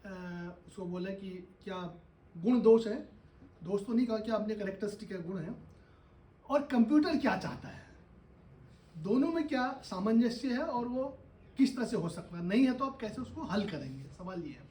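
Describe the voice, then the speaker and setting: A university professor lectures in a lecture hall, explaining ideas through everyday examples and often checking in with his audience. His high-pitched voice has lively intonation, a darkish tone, and normal speed. The recording is echoey, with his voice coming from a distance.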